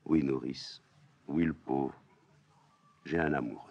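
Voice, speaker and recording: A man reading a play aloud, voicing a grave, stubborn young princess in a soft, low voice. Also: steady tone, measured pace, muffled recording, heavily acted. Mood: gentle. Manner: soft, hushed, subdued.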